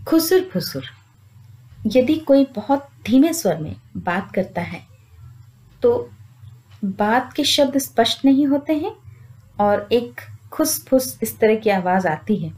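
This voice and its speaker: A woman's voice: mid-range voice, darkish tone. A woman giving a grammar lesson, explaining each example word carefully and addressing viewers as friends. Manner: lists example words one by one. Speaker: teacher.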